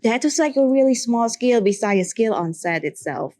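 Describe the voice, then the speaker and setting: A woman's voice: on the high side, animated, moderate pace, darkish tone. A young woman from Cambodia, a makeup artist answering an interview question and giving earnest, encouraging advice in with frequent restarts. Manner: earnest, encouraging, with restarts and broken English phrasing.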